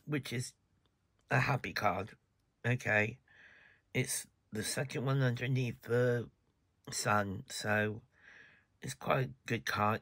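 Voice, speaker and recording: A gravelly, husky man lays out tarot cards in a chatty, rambling way. He keeps breaking off to yawn and apologize, and now and then drops to a soft whisper. The sound is close and dry. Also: medium pitch, no room sound. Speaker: tarot reader. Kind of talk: casual tarot reading.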